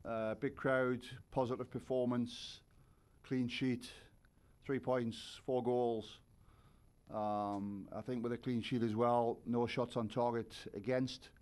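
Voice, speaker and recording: A man's voice: medium pitch, level tone, slow, darkish tone, clear, resonant tone. A man in his forties, a head coach, giving thoughtful postgame answers at a press conference, seated at a table with a microphone. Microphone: table microphone on a stand.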